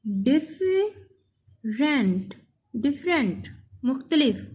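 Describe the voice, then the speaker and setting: A woman teaching an English vocabulary lesson, drawing out each word slowly before explaining it quickly. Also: sits high, mellow. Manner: slow, drawn-out word readings followed by quick explanations.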